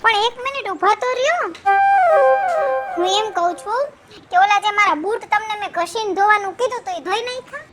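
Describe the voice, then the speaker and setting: A woman's voice: very high-pitched, fairly quick, bright, forceful tone, soft background music. A woman playing a bossy, sarcastic wife who works in an office and nags her husband in a comedy skit. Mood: bickering.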